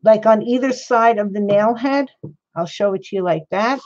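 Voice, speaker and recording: A woman's voice: mid-range voice, moderate pace, darkish tone. A woman chatting casually to her livestream viewers while she works on a craft project, rambling and answering chat by name. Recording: slightly dull lo-fi stream audio.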